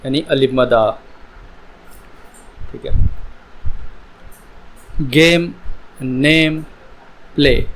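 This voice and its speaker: A man teaching an English pronunciation lesson, drawing out each letter sound slowly. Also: medium pitch, fairly bright tone, a little hiss or hum, poor audio. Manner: slow, drawn-out sounding of letters. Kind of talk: slow spoken English lesson.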